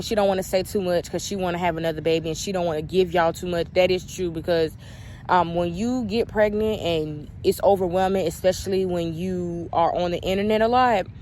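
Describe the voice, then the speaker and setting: A woman's voice: on the low side, a little mellow, slight background noise. A young woman answering viewer questions in a candid, chatty story-time vlog. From United States.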